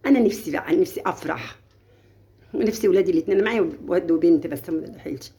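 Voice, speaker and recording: A woman's voice: on the low side, rapid-fire, warm tone. A middle-aged woman with an Egyptian accent, giving earnest, lecturing advice as a mother in a casual livestream, and acting out the lines of others. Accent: Egyptian Arabic. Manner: earnest, lecturing, acts out quotes.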